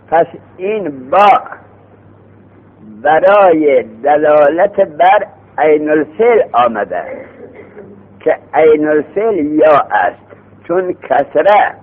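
A man teaching a lesson on grammar who quizzes his students and answers his own questions. He slows down to read the text aloud, then speeds up to explain it. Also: a little high. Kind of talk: Arabic morphology lesson. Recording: tinny phone-like sound.

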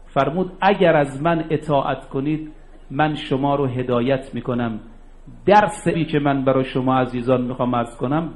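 A man preaching a religious sermon, emphatic, dropping low for asides and rising for his key points. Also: darkish tone, rough recording.

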